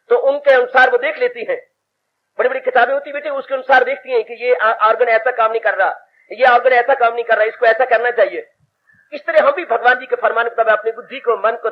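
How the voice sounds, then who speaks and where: An older man giving an emphatic devotional sermon as a spiritual teacher, repeating his phrases and mixing in English words. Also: very high-pitched. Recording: dull lo-fi old recording.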